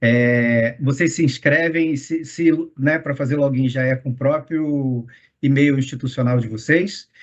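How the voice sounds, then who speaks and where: A man hosting an online meeting, explaining at length with many filler pauses over a video call. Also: a little high. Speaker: meeting host explaining the program. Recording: muffled call audio.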